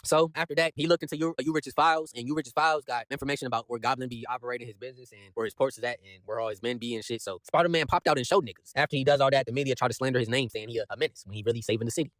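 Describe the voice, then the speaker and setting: A young man casually recapping a comic in a slangy, profane, animated way, often restarting his sentences. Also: medium pitch, racing, hardly any pauses, dry recording.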